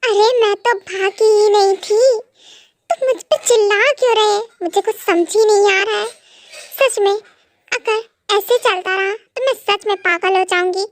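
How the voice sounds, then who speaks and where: A woman's voice: extremely high pitch, steady tone, unhurried, no room sound, clean studio sound. A woman voicing a frightened young wife in an amateur fan dub, pleading tearfully and stammering.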